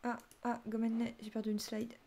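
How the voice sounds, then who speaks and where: A young Japanese teacher with a slightly high voice hosts a live-streamed lesson at normal speed. Her manner is lively and chatty, and she laughs often while responding to viewers' answers, with slight background noise behind her.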